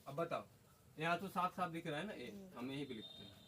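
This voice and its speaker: A man's voice: on the high side, expressive, fairly quick. A man teaching a class, asking the students questions and repeating their answers. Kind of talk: classroom lesson. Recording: faint background noise.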